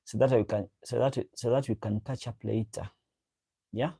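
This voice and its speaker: This man's mid-range voice is gravelly, mellow and husky, delivered at normal speed with fairly even intonation. He hosts a livestream, chatting casually to viewers, reading out their comments and rambling with frequent repetition. A local African language is his mother tongue.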